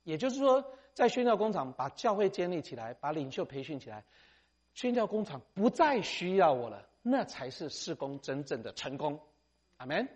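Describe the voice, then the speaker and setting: A middle-aged missionary preacher, his voice pitched a little high for a man. His delivery is highly animated and swings up and down as he talks. He keeps it conversational, sprinkling in English words and ending phrases with a friendly "ha". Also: moderate pace, breathy edge. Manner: animated, tags sentences with "ha", mixes in English phrases. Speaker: missionary speaker. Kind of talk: sermon.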